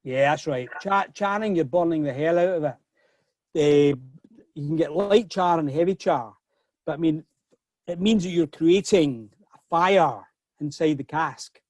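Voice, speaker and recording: A man's voice: on the high side, unhurried, darkish tone, dry recording. Chatty man hosting a whisky tasting. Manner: chatty, repeats words when starting sentences. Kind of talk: casual online tasting talk.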